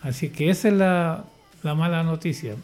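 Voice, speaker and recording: An older Chilean man, a church choir leader appearing as a radio guest, chats casually on air in a hesitant, rambling way full of restarts and fillers. His voice is a little high and a little mellow, at a moderate pace, with faint music in the background.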